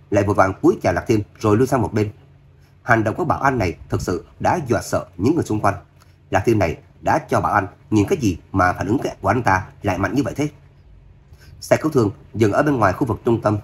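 A man narrating a novel in a rapid, even reading. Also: lowish voice, slightly rough. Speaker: audiobook narrator. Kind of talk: scripted narration.

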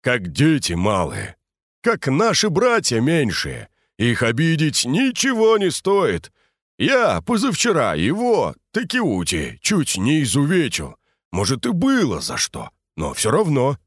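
A man's voice: on the high side, huge pitch swings, slow, no room sound, studio quality, pitched above the performer's own voice, full character voice. A man voicing a boisterous, bantering Moscow drinker nicknamed the cruiser, in an audiobook. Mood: hearty. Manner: loud, hearty, bantering.

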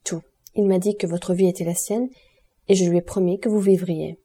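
A grave, mysterious count, read by a woman speaks low and insistently in an audiobook. The tone is very dark and mellow, a little husky, and softly restrained. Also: fairly even intonation, moderate pace. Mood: grave hushed. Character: mysterious male count, calm, grave protector. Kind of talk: audiobook character reading.

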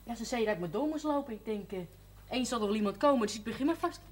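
An actress in a 1970s TV drama plays a blunt, chatty young woman seeking work as a maid, sounding cheeky with a Dutch accent. Her voice is on the high side, quick, and close to everyday speech. The old TV soundtrack carries a faint hiss.

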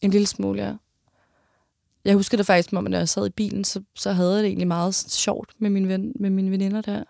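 A woman in her twenties telling a personal story in an interview, halting, with many restarts and pauses. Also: mid-range voice, level tone, gravelly, darkish tone, dry recording, studio quality.

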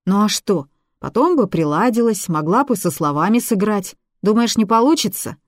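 A woman's voice: mid-range voice, lively intonation, normal speed, no room sound, studio quality, voice pushed up, lightly acted. A woman voicing a stubborn runaway girl. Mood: eager. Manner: loud, indignant outbursts.

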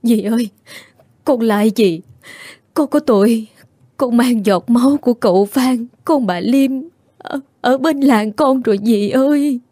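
A frightened young pregnant village woman, voiced by a male storyteller in a spoken ghost story. She pleads in a high, breathy falsetto with a mellow, soft tone. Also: moderate pace, pauses often, no room sound, clean studio sound. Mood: sobbing plea.

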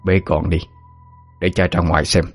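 A man's voice: low-pitched, flat delivery, moderate pace, faint music behind. A man voicing a fierce, protective old village chief in a spoken story, stern and threatening. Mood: furious.

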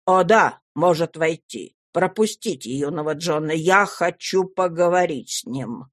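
A woman voicing a proud, irritable older gentleman who speaks stiffly and keeps clearing his throat in a storybook reading. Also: low-pitched, lively intonation, measured pace. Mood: stiffly polite.

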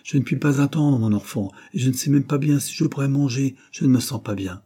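A man voicing a kindly, selfless aging pastor who speaks earnestly and insists gently. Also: medium pitch, brisk, voice pushed up, lightly acted.

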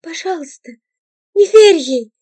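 A woman's voice: very high-pitched, expressive, a little slow, dark tone, dry recording, clean studio sound, pitched above the performer's own voice. A woman voicing a young female ghost who speaks emotionally and pleads through tears. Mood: pleading. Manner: emotional, pleading, tearful outbursts. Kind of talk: audiobook character voice.

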